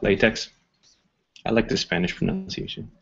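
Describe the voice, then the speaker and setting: Low-voiced man giving a casual tech talk. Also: moderate pace, creaky, breathy edge. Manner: relaxed, many ums and uhs, restarts. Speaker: presenter. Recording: muffled talk recording.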